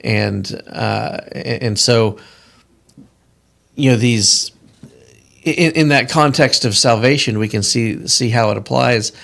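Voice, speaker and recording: A man's voice: mid-range voice, slow, gravelly, long pauses, fairly bright tone. A man co-hosting a casual Bible study discussion, explaining verses earnestly and thinking aloud with frequent restarts.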